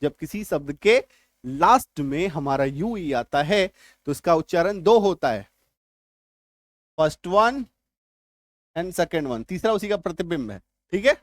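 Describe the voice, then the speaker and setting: A male tutor gives a Hindi-language lesson on English spelling rules at an unhurried pace, repeating each sound patiently. He often stops to check that learners have understood. His voice is close and dry, with no room around it. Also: a little high, lively intonation, no echo. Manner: slow and repetitive, often checking that viewers follow. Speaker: English teacher.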